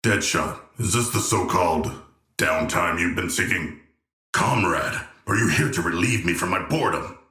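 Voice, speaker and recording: A man's voice: low-pitched, moderate pace, bright, forceful tone, reverberant. An actor playing a huge, earnest and naive shark-man royal in a video game, speaking in stilted, formal and solemnly literal language. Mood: bored, imperious. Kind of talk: scripted game character voice lines.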